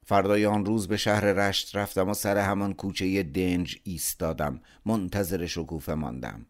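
A man narrating a first-person story in an audiobook, calm and measured. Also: low voice.

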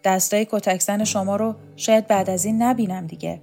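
Weary sad man, soft and resigned, near a plain reading voice, from a woman narrator. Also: mid-range voice, steady tone, creaky, soft background music, lightly acted.

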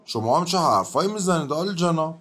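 A man's voice: on the high side, expressive, a bit bright. An actor playing a stubborn, evasive peasant man on trial, talking in a rustic, grumbling way in a radio drama. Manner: rustic colloquial speech, grumbling and mumbling.

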